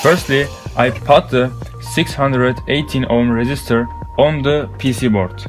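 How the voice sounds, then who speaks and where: Turkish-accented student over music. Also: male voice, mid-range voice. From Turkey. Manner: halting, broken English. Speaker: vocational student. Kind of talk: narrating assembly steps. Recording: clear music behind voice.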